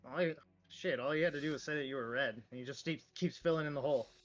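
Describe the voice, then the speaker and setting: A man's voice: fairly high pitch, quick pace, fairly bright tone. A man playing a tabletop role-playing game, casually telling events as his character.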